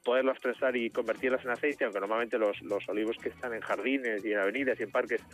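A man talks as the gardening expert on a radio show, explaining at length in a relaxed, chatty way. Faint music sits low behind his voice in the radio studio. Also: quick pace. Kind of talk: casual radio chat.

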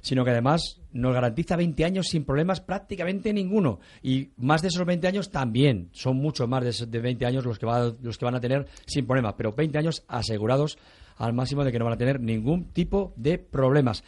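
A man's voice: medium pitch, fairly quick. A man hosting a radio show, chatting with guests and giving household tips in a rambling, talkative way. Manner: chatty, rambling, warm-hearted repetitions. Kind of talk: lively radio chat and home tips. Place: radio studio.

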